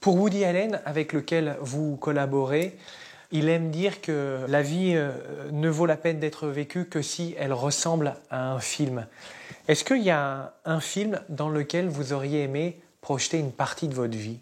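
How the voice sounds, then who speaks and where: A man hosting an interview, asking questions in a measured, polished way. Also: fairly high pitch, darkish tone. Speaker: interviewer, host. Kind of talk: scripted narration and interview questions.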